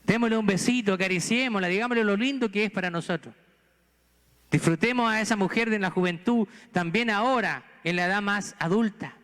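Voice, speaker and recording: Bright, high-voiced Chilean pastor preaching. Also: male voice, brisk, in a large hall. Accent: Chilean Spanish. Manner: earnest, exhorting, rhetorical questions to the congregation. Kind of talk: sermon. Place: church sanctuary.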